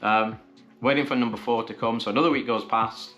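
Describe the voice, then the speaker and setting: A man's voice: mid-range voice, steady tone, a little fast, fairly bright tone, faint music behind. A man vlogging, telling a frustrating story in a casual, exasperated way and acting out both sides of his phone calls.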